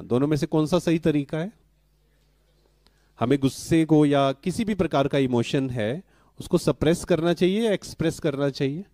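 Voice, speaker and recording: A middle-aged man gives a spiritual talk to a live audience. He speaks slowly and calmly in a mellow tone, keeps asking the room to answer, and mixes in English words. The sound is dry and close. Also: fairly high pitch, no echo. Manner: slow, calm and questioning, asks the audience to answer.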